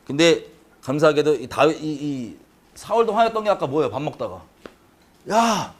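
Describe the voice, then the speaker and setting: A middle-aged man leads a Bible study, preaching with lively energy. His voice sits fairly high. He jumps between quiet asides and loud acted-out lines when he quotes scripture. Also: a little fast. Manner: animated, acts out scripture quotes with sudden shifts in pitch and loudness.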